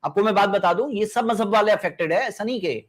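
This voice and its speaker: A man hosting a heated live debate, insistent and pressing his point with repeated rhetorical questions. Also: high voice. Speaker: debate host.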